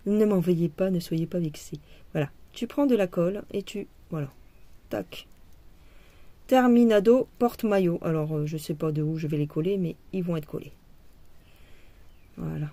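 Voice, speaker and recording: Woman, craft vlogger, mellow tone, playful chatty delivery. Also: low voice, fairly even intonation, moderate pace, dry recording. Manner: chatty, playful, puts on a jokey accent. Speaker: cross-stitch vlogger. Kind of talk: casual chat while embroidering.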